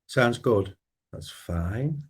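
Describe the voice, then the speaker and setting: A man's voice: mid-range voice, lively intonation, drawn-out words, breathy edge. Man greeting live stream viewers. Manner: friendly greetings to viewers by name. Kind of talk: casual chat with live chat viewers.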